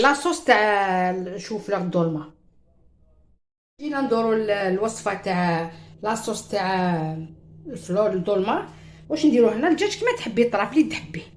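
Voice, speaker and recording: A woman's voice: mid-range voice, slight background noise. A woman with an Algerian Arabic accent gives a chatty home cooking demonstration, talking straight to her viewers and mixing in French words. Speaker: cooking show host.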